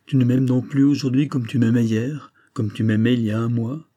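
A man's voice: medium pitch, fairly even intonation, brisk, mellow, dry recording, natural voice. A man reading as a desperate young lover. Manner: pleading, insistent.

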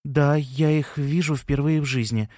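A shocked young woman as a man puts her on in an audiobook answers in an emphatic voice pitched well above his own. The reading is dry and close-miked. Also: fairly even intonation, a little slow, a little mellow, no room sound, lightly acted. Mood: indignant. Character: indignant young woman, the granny's friend's granddaughter.

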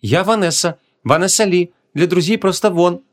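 Guy doing a young girl apprentice, raised pitch, hesitant and kinda dazed, audiobook. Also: normal speed, close to an everyday voice. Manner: hesitant, absent. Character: young woman, sporty mage's apprentice, dazed.

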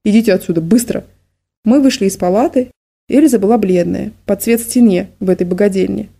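A woman narrating an audiobook in the first person with measured, even storytelling. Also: mid-range voice, gravelly, breathy edge.

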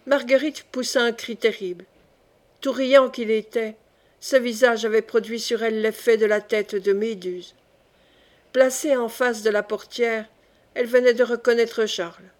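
A woman's voice: fairly high pitch, steady tone, unhurried. Woman reading a classic novel aloud. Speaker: audiobook reader. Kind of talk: audiobook narration.

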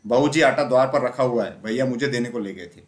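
A man's voice: mid-range voice, a little fast, a little mellow, close to an everyday voice. A man voicing a humble, proud and kindly poor postal runner who speaks earnestly, in a storybook reading. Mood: calling out. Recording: roomy echo.

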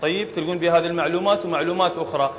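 A man's voice: on the high side, racing. A man with an Iraqi Arabic accent teaching a classroom tajweed lesson on Quran recitation. He explains patiently and keeps checking whether the class has understood. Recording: dull lo-fi recording in a reverberant hall, faint background noise.

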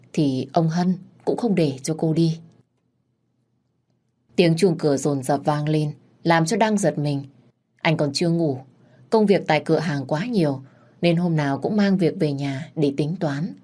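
A woman reads a romance story aloud in audiobook style. Her delivery is steady and expressive, and her voice sits fairly low. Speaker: narrator.

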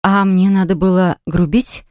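A woman's voice: fairly low pitch, fairly even intonation, a little slow, darkish tone, dry recording, close to an everyday voice. Audiobook: cold, curt young mother, woman reader's own register, dry close sound. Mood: indignant. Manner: curt, stern, clipped. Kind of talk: audiobook dialogue.

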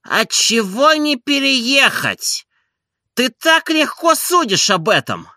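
A man reading an audiobook and voicing an irritable, idle gentleman who scolds his servant in an exasperated tone. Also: very high voice, sing-song, slow, dry recording, studio quality, voice pushed up, exaggerated voice. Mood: scolding. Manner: exasperated, petulant.

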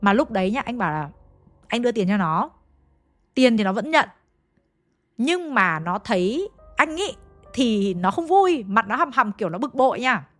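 A woman's voice: fairly high pitch, sing-song, moderate pace, pauses often, a bit bright, no echo, soft background music. A woman with a Hanoi accent retelling a ghost story in a chatty, dramatic way, speaking straight to her listeners. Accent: Hanoi Vietnamese.

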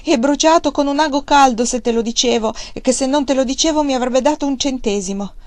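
A woman's voice: high voice, fairly even intonation, normal speed, darkish tone, no echo, pitched above the performer's own voice. A terrified little boy in an audiobook, sobbing and pleading, his voice lifted well above the reader's own , as a woman puts him on. The reading is close and dry, with no room sound. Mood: tearful. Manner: tearful, desperate pleading. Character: younger son, frightened boy.

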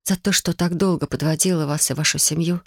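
A reader voicing an exhausted young woman spirit summoner, speaking quietly in a cracked, tired voice. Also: mid-range voice, fairly even intonation, fairly quick, no echo, clean studio sound, lightly acted. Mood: apologetic. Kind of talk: audiobook dialogue.

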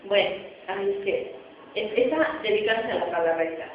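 A woman's voice: mid-range voice, moderate pace, slight background noise. A woman professor giving a university phonetics lecture, explaining and often checking in with the class. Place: large echoey classroom. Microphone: distant recorder. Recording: echoey, distant, muffled classroom recording.

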